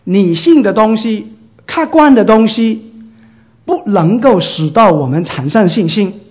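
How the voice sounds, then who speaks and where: A man delivers a sermon in a notably high voice. He keeps putting questions to his listeners and answering them himself, and he breaks into livelier voices for quoted exchanges. The recording sounds dull and lo-fi. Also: animated, a little slow. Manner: acts out short quoted dialogues in livelier voices. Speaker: pastor.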